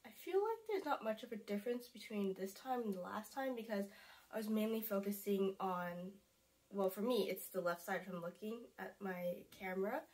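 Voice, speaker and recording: A young woman, stuffy and congested from a cold, chats casually to camera as a beauty vlogger, rambling and correcting herself. Her mid-range voice has a darkish tone and a normal speed, and the audio is poor.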